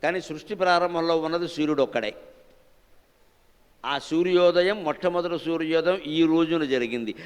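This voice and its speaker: In a large temple hall before a live audience, a spiritual discourse speaker fires off rhetorical questions in an emphatic, scornful manner. His voice is on the high side, a little fast, clear and resonant.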